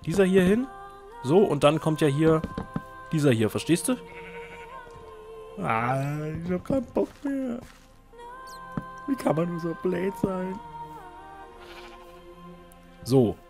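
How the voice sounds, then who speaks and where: Speaking over music, a young let's play host with a high-pitched voice takes things slowly, pausing often and swinging widely in pitch. His casual gaming commentary is chatty and jokey as he answers viewer questions and mocks himself.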